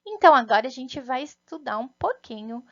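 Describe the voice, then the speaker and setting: A woman's voice: sits high, animated, fairly quick, fairly bright tone, lo-fi sound. A Brazilian woman, a first-grade teacher, gives a recorded lesson to young children in a patient, sing-song way, often checking in with "né?" and "tá?". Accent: Brazilian Portuguese.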